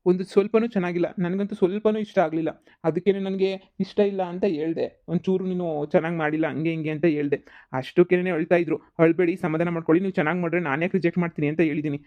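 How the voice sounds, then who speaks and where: A strict young businessman, voiced for a cartoon, who rattles off quick, lecturing lines and keeps asking "okay?". His mid-pitched voice comes through dull, lo-fi audio. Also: steady tone, natural voice. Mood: explaining. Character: strict young male businessman judging products. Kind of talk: cartoon voice acting.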